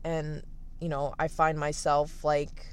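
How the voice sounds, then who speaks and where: A raspy-voiced young man in his late teens thinks aloud candidly on a casual livestream from the beach, with lots of fillers and restarts. His pitch is fairly high, his delivery monotone and slow, giving the monologue a reflective feel.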